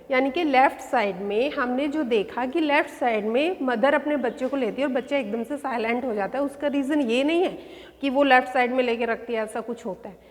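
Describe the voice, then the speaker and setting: A woman's voice: high-pitched, long reverb tail. A woman teacher lecturing in Hindi mixed with terms, explaining an essay step by step and restating each point.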